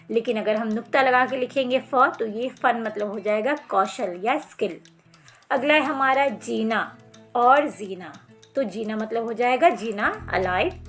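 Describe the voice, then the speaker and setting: A woman with a fairly high voice teaches children how to pronounce sounds and words. She talks patiently and clearly, lingering on each sound. Soft music plays underneath. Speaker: language teacher. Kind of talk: explaining Hindi pronunciation to children.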